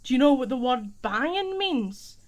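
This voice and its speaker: A woman's voice: high voice, sing-song, normal speed. A young woman with a thick Scottish accent, chatting playfully and loosely as a teacher in a spoken role-play. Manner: chatty, playful and rambling, heavy dialect.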